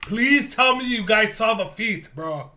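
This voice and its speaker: A man's voice: sits high, lively intonation, unhurried, pushed and bright, slight background noise. A man co-hosting a live reaction stream in a rowdy, slangy way, saying "bro" all the time. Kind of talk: casual live reaction chat.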